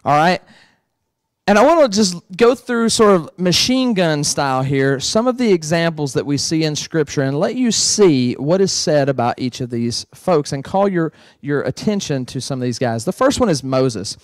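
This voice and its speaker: A man's voice: on the high side, expressive, moderate pace, no echo, studio quality. A male pastor preaching a sermon in a playful, conversational way.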